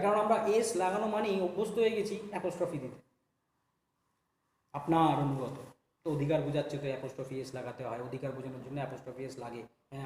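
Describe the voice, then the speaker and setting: A man's voice: a little high, a little mellow, reverberant, big-room sound, a little hiss or hum. A man teaching an English grammar lesson, explaining step by step and asking and answering his own questions. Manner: repeats and rephrases points. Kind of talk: Bengali-language grammar lecture.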